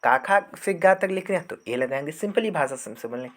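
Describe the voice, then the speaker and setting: A man's voice: fairly high pitch, lively intonation, fairly quick, fairly bright tone. A man teaches a grammar lesson to students. He explains patiently and repeats each word and sound aloud. He asks questions and answers them himself.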